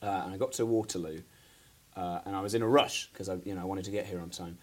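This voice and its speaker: A man's voice: deep voice, fairly even intonation, fast, darkish tone. A man co-hosting a podcast, telling a long story in a rambling, self-deprecating way and laughing often. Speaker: podcast co-host. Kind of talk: casual storytelling chat.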